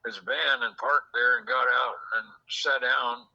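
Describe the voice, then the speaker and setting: A man's voice: mid-range voice, steady tone, a little slow, vocal fry, bright, forceful tone, dull audio. A man telling a rambling story in casual chat, quoting people in dialogue, recorded in a secretly taped conversation. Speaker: host.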